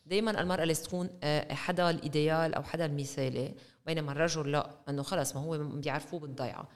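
A woman's voice: deep voice, fairly even intonation, very fast. A woman with a Lebanese Arabic accent speaking as the interviewer in a conversational discussion. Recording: echoey hall with long reverb.

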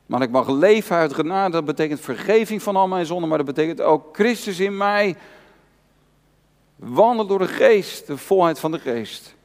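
A man's voice: fairly high pitch, animated, normal speed. A male pastor preaching an earnest, personal sermon, repeating key phrases for emphasis. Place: church hall. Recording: long church reverb.

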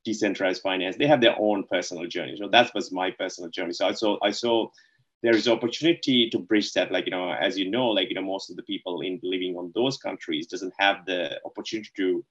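A man's voice: low-pitched, fairly even intonation, fast, muffled recording. A man from Sri Lanka, chatting casually as an interview guest and rambling with lots of "like, you know".

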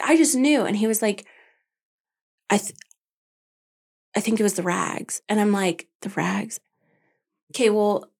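A woman, a boutique owner, chatting casually as a podcast guest and telling a story in an animated way, acting out her own and her husband's lines. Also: medium pitch.

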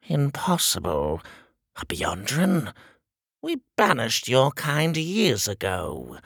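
A man voicing a tiny, arrogant king with a strange, shrill voice who snarls at everyone. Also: huge pitch swings, slow pace, vocal fry, fairly bright tone, slightly rough, no echo, clean studio sound, full character voice. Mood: contemptuous.

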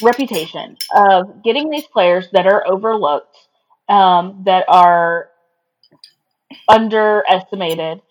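Woman chatting sports, mid pitch, informal and agreeable, co-host type. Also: slow pace, rough recording. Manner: informal, agreeable, reacting to partner. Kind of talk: casual sports chat.

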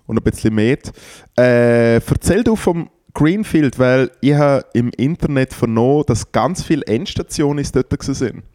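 A man's voice: mid-range voice, animated, normal speed, mellow, dry recording. Man, Swiss German accent, podcast co-host, dry quips, teasing asides. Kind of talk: casual comedic chat.

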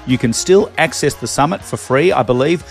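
A man's voice: medium pitch, animated, fairly quick, creaky, faint music behind. A man hosting a podcast, delivering a scripted introduction to the episode. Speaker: podcast host.

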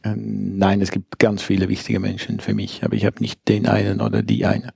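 A Dutch man in his fifties with a Dutch accent, a guest answering slowly and reflectively. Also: on the low side, completely flat delivery, vocal fry, a little mellow, slightly rough, dry recording, clean studio sound. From Netherlands. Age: 50s. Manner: slow, reflective. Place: art gallery.

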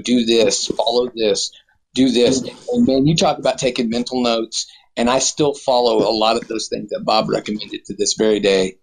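A man's voice: lowish voice, low-quality recording. Earnest man guest rambling on. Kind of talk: casual conversation.

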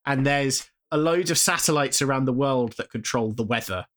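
Laughing, animated male movie podcaster. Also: mid-range voice, normal speed. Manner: animated, laughing mid-sentence, exaggerated retellings. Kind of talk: casual chat.

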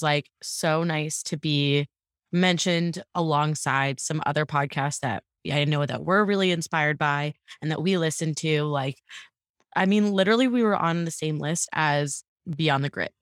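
This young woman co-hosts a casual chat podcast, sounding upbeat and giggly and using lots of fillers while fighting allergies. Her voice is low with a clean tone, and she speaks a little slowly. The recording is clean studio sound with no room noise.

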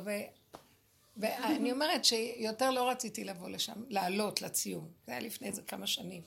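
A woman shares her spiritual experiences with a small group, sounding impassioned and exasperated and often repeating her words. Her voice is on the high side, a bit bright, with vocal fry.

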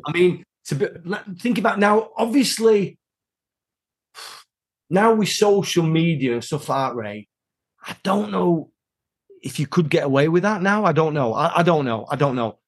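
A British man, a martial artist guest, telling casual stories with animated quoted voices. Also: fairly high pitch, moderate pace, slightly rough. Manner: animated anecdotes with acted quotes. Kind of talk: casual storytelling chat.

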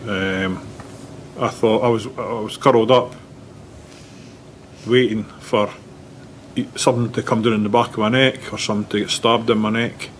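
A man police officer giving inquiry testimony, halting, with ums and broken phrases. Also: fairly low pitch, steady tone, a little hiss or hum.

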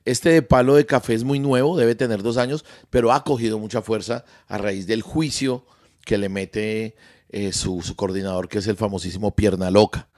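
A man's voice: on the low side, moderate pace, no room sound, studio quality. A man talking casually on a podcast, telling stories with lots of repeated words. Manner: animated storyteller, repeats words. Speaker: comedian guest.

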